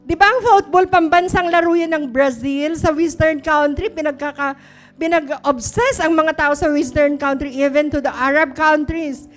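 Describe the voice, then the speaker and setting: A high-pitched middle-aged woman, preaching in a conversational, storytelling way and tossing questions to her congregation. Soft music plays faintly behind her. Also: steady tone, normal speed. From Philippines. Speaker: pastor. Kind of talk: sermon.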